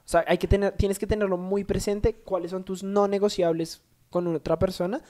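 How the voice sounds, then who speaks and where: A woman's voice: medium pitch, flat delivery, moderate pace, mellow. A woman co-hosting a podcast, chatting casually and giving dating advice. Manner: chatty, laughs easily, gives advice. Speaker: podcast co-host. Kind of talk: casual chat.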